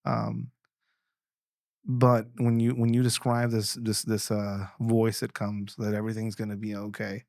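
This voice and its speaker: A man's voice: on the low side, monotone, unhurried, gravelly, a little mellow, dry recording, clean studio sound. A man hosting a podcast in a casual, rambling way, restarting often and swearing freely. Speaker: podcast host. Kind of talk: casual conversation.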